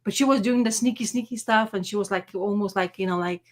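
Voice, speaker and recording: A woman co-hosting a casual chat show, talking in an animated way that trails off and restarts mid-sentence. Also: medium pitch, fast. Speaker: podcast co-host.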